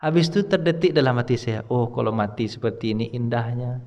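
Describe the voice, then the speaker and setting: A man's voice: medium pitch, fast talker, a little mellow. A male preacher giving a conversational sermon, often asking his listeners questions. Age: younger than his audience. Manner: conversational, asks the audience questions. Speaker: Islamic preacher. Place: hall with audience. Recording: long reverb of a hall.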